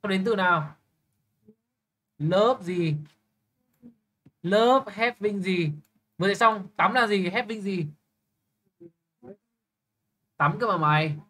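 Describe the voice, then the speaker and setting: A young man tutoring English, briskly quizzing a student with quick questions and blunt, teasing remarks. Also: sits high, bright, forceful tone. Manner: brisk, keeps checking understanding with quick questions. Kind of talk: live tutoring lesson.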